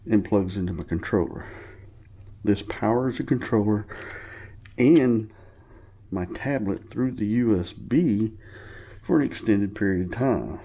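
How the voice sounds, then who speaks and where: The recording has its highs cut off, and the man's voice is on the low side with a breathy edge. A hobbyist with a slight cold, he sniffles through an informal, rambling show-and-tell of his gear, full of fillers and self-corrections.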